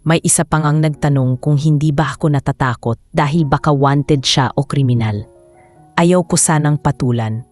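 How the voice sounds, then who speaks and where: Low-voiced woman narrating a love story. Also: a little mellow. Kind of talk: scripted first-person story narration.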